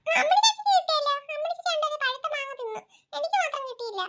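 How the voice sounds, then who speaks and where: A woman's voice: very high-pitched, racing, very noisy. A woman voicing a small boy in a family cartoon, who sobs and pleads for a mango. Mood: whining. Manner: sobbing, pleading. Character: whiny crying little boy, wants mango.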